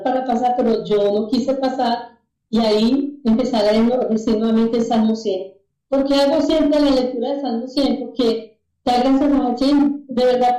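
A woman's voice: a little high, dark tone, echoey room, far from the mic, low-quality recording. A Colombian woman with a Colombian Spanish accent, telling a personal faith testimony in a casual, rambling way with prayerful asides. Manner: storytelling, with frequent restarts and prayerful asides.

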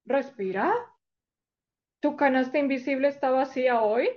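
A woman's voice: sits high, moderate pace, close to an everyday voice. A woman voicing a friendly schoolboy who coaxes and reassures his upset friend. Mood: soothing. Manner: coaxing and reassuring. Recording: dull lo-fi recording.

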